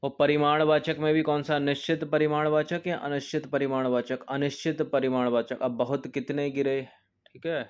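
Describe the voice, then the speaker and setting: A man's voice: fairly high pitch, flat delivery, normal speed, clean tone, muffled recording. A male coaching teacher walking through an exam test paper, explaining each answer step by step and repeating key points. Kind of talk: test-paper walkthrough lesson.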